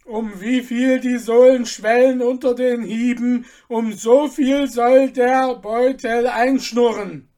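Furious emperor, acted by a woman reader, loud, commanding, storybook. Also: a little high, fairly even intonation, slow, few pauses, voice pushed up. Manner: snorting, commanding. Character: angry emperor, man, cruel and imperious. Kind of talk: audiobook reading.

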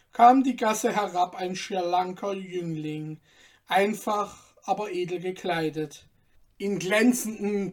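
A woman reading an old storybook tale aloud in a measured, unhurried way. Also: lowish voice, a little mellow. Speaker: narrator.

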